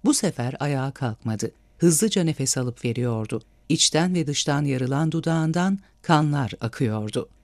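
A man reading a novel aloud as an audiobook narrator, with measured, expressive storytelling. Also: on the high side, dry recording. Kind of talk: scripted narration.

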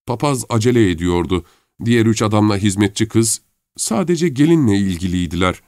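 A man calmly narrating a story in a measured audiobook style. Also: on the low side, no room sound, studio quality.

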